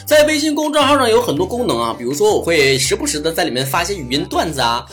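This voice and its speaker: A man's voice: sits high, very animated, fast talker, a bit bright. A man with a Northeastern Chinese Mandarin accent hosting a casual comedy talk show, playful and boastful, often breaking into laughter as he talks. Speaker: comedy show host and online broadcaster. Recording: voice over prominent background music. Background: music.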